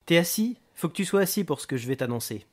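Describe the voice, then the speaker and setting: A man's voice: a little high, big pitch swings, quick pace, pitched above the performer's own voice. A man voicing an insistent, menacing woman making a threatening phone call in an audiobook reading.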